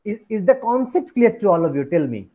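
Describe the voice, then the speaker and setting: A man's voice: sits high, sing-song, slow, warm tone, muffled recording. Male teacher checking students follow. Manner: mixes Bengali and English, often checks if students follow. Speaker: English phonetics teacher. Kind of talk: classroom lecture.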